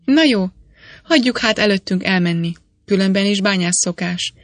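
A woman's voice: medium pitch, dry recording, lightly acted. A woman voicing an earnest young male miner, speaking in an eager way.

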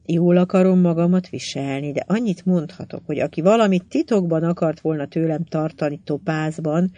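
A man's voice: a little high, dark tone, dry recording. A reader voicing a chatty, teasing man who grumbles, as audiobook dialogue in a dry close recording. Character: blunt talkative American man, grumbling.

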